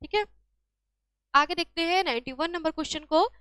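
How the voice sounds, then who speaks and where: Female teacher, high voice, dry close sound, walks students through exam answers with question-and-answer drilling. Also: normal speed, bright, forceful tone, no echo. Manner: asks a question then answers it herself. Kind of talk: exam-solution lesson.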